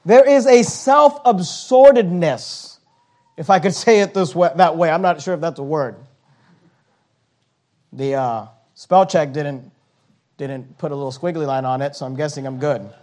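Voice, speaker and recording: A man preaches a sermon at a fairly high pitch. He punches key phrases, trips over quick restarts, and slows to a heavy, deliberate cadence when quoting scripture. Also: darkish tone. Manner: reads scripture in a slowed, heightened voice. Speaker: pastor.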